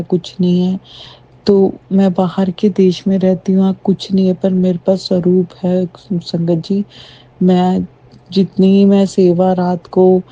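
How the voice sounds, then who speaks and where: A woman telling a personal devotional testimony, halting as she goes and often addressing her listeners directly. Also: fairly low pitch, warm tone, lo-fi sound. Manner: keeps addressing listeners as sangat ji, halting delivery.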